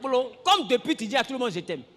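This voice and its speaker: Pastor, man, very high lively voice, long church hall echo. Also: fairly quick. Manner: animated, acts out scenes, shouts and laughs with the congregation. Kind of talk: lively sermon.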